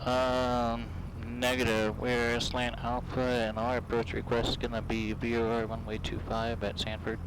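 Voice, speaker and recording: A man talks as a pilot through a cockpit headset mic, mid-pitched and steady. His radio calls and callouts are clipped and procedural. Loud engine noise fills the background. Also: a little slow, few pauses. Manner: clipped aviation phrasing, calm and procedural.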